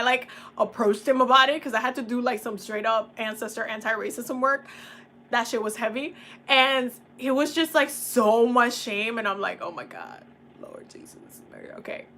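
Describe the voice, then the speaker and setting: Bright-voiced chatty woman from the Dominican Republic. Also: a little high. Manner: chatty, laughs often, casual slang. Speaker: tarot and oracle reader. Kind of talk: casual livestream chat.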